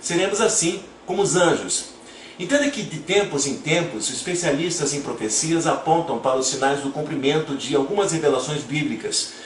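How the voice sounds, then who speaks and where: A man's voice: a little high, normal speed. A man, earnestly explaining Bible verses one by one as a preacher. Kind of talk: Bible teaching narration. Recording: roomy echo, distant from mic, faint noise.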